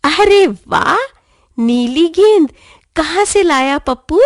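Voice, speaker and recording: A woman's voice: high voice, expressive, slow, dry recording, studio quality, pitched above the performer's own voice, heavily acted. A woman voicing a kind, sweet-voiced boy in a children's storybook reading. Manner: sweet, reassuring.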